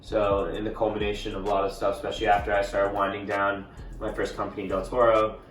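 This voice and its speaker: A man in his thirties from Italy, an art collector and gallery owner, talking in a casual, halting way and often saying "you know". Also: lowish voice, monotone. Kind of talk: casual interview monologue. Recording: roomy sound from a distant mic with faint music.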